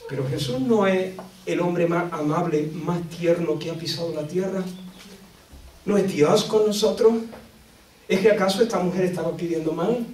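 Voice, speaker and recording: A man from Spain with a Spanish accent preaching a sermon at a church retreat, dramatic, swinging between loud outbursts and hushed lines. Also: high voice, normal speed, a little hiss or hum. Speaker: pastor. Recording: echoey room, distant mic.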